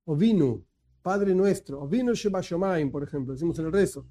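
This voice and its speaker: Brisk and animated, a teacher with a dark, slightly high voice delivers a conversational lecture in an Argentine Spanish accent. He's patient in his explanations but tosses in jokes along the way.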